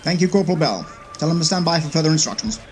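A man's voice: fairly high pitch, animated, rapid-fire, slight background noise, lightly acted. A man playing a commanding military brigadier in an audio drama, clipped and authoritative, with a British accent. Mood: brisk, commanding.

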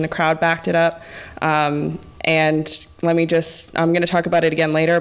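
A woman's voice: deep voice, clean tone. A woman co-hosting a podcast in an echoey room, chatting casually about wrestling. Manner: giggly, nervous. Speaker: podcast co-host.

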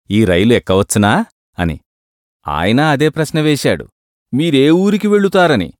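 A man reading a first-person story aloud with expressive delivery. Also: on the low side, no room sound, studio quality. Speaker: narrator.

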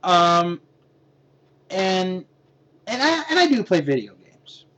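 A man co-hosts a podcast in relaxed, casual talk. He hesitates and restarts often, and his pitch moves up and down a lot. A faint hiss sits behind his voice. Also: takes it slowly. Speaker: podcast co-host. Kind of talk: casual chat.

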